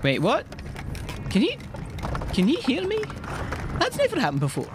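A woman's voice: mid-range voice, big pitch swings, normal speed, noisy background, natural voice. A woman voicing a stubborn, grumbling young shepherd prophet with a Scottish accent in an audio drama. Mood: startled, defiant. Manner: grumbling, defiant, plain-spoken.

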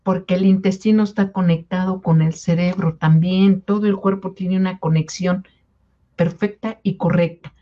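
A woman's voice: lowish voice, fairly even intonation, normal speed, lo-fi sound. A woman from Mexico giving an informal health talk to product distributors, coaxing them along and often checking in with a questioning "¿sí?". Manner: coaxing, repeats "¿sí?" to check in with listeners. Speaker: wellness product presenter.

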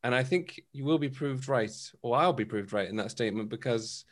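A man's voice: medium pitch, a little fast. Chatty man on a video call. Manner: chatty, self-mocking, animated banter. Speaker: freelancer on a community call. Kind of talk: casual chat. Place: home office.

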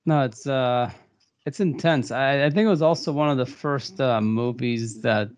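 A man's voice: mid-range voice, moderate pace, smooth, no echo. A man co-hosting a podcast in casual chat, rambling with fillers and laughing often. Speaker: podcast co-host.

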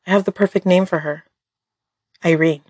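A woman's voice: lowish voice, fairly even intonation, moderate pace, a little mellow, husky, no echo, clean studio sound. A woman voicing a cruel older male crime boss, curt and commanding, in an audio drama story. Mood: cold menace.

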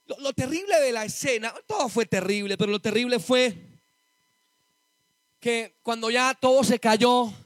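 A man giving an impassioned testimony sermon to a church congregation, addressing them as brothers and rising to shouted exhortation. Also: very high-pitched, a little slow, no echo, studio quality. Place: church service before a congregation.

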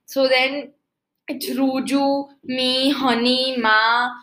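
A woman, chatting on a home podcast with a bright, forceful voice that sits a little high. She rambles through stories and giggles often. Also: fairly even intonation, drawn-out words. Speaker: podcast co-host. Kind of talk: casual chat.

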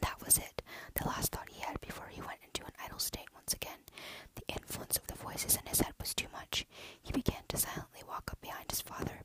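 A storyteller reading a dark horror story aloud in a steady, hushed whisper. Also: brisk, hardly any pauses, rough recording.

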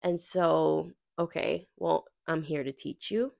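A woman's voice: sits low, fairly even intonation, takes it slowly, gravelly, darkish tone. A woman hosting a podcast in casual, blunt, emphatic and slangy talk, her voice nasal and congested from being sick. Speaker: podcast host.

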